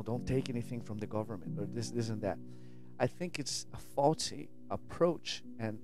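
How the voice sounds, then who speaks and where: A Brazilian-raised spiritual vlogger with a medium-pitched voice muses earnestly about music in a reflective monologue to camera, searching for words with many restarts and repeated "right?" while gesturing a lot. He sits in a home studio with guitars and purple lights, wearing headphones and using a stand-mounted studio mic.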